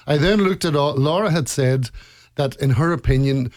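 A man's voice: on the high side, moderate pace, dry recording, clean studio sound. A man with a Northern Irish accent telling his story as a guest in a casual, emphatic way, repeating phrases for effect. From Northern Ireland, County Antrim. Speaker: interview guest, reality show contestant.

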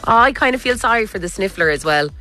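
A woman's voice: medium pitch, expressive, fast, bright, forceful tone. A woman with a west of Ireland accent from Kerry, chatting casually as a radio co-host. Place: radio studio. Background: music.

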